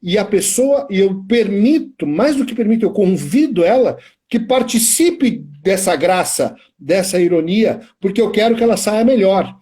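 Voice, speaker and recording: A man's voice: high voice, lively intonation, normal speed, few pauses, warm tone, breathy edge. A middle-aged man with a Brazilian Portuguese accent, a teacher chatting on a live stream, rambling and telling stories with many restarts. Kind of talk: casual chat on a live stream.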